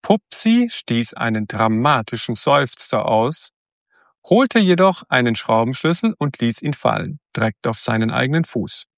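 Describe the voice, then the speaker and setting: Male narrator, measured storybook reading, unhurried, dry booth sound. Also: medium pitch, big pitch swings, no room sound.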